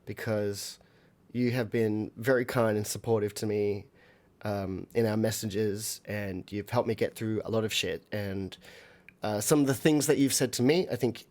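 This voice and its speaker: A man's voice: fairly low pitch, fairly even intonation, measured pace, darkish tone. An Australian man, a musician streaming a live album reaction, rambling with many fillers and talking to his viewers.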